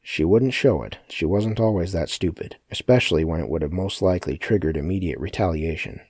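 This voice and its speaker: A man narrating a story as an audiobook in a steady, matter-of-fact way. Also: low voice, a little fast, slightly rough, no echo, clean studio sound. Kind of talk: scripted narration.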